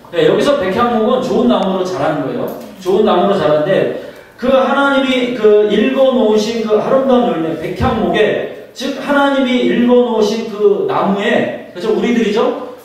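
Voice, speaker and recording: Korean pastor guy preaching, high lively voice, mic far off in a big echoey church. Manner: lively, questioning the congregation often. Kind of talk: sermon. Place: church sanctuary.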